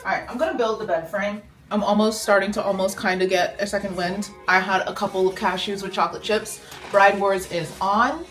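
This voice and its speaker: A young woman talks to her camera in a relaxed, rambling way. She chats at a middling pitch, cutting herself off and circling back as she thinks aloud. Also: fairly quick, soft background music. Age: young adult. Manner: chatty, rambling, self-interrupting. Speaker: vlogger. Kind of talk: casual vlog chat. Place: home bedroom, indoors.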